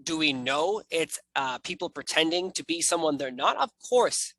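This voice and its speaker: A man hosting a casual interview, talking in an animated, emphatic and conversational way. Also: on the high side, normal speed, dry recording. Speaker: interview host.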